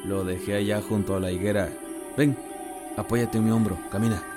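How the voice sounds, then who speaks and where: A man with a Mexican accent acting a gruff rural uncle who is secretly the devil, calming his nephew in a coarse way in a radio drama. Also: on the low side, a little fast, natural voice. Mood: soothing. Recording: drama with loud music score.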